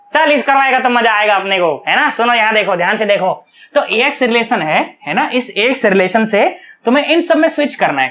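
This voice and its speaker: A man's voice: very high-pitched, a bit bright. Chatty, coaxing male physics teacher. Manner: chatty and coaxing, with constant check-ins; affectionate and earnest toward students. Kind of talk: online video lecture.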